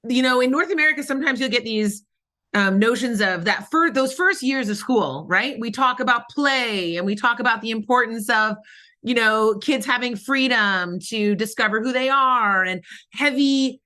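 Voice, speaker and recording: Bright-voiced woman hosting a podcast. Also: medium pitch. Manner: encouraging, asks long questions with fillers. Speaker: podcast host and interviewer. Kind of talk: podcast interview.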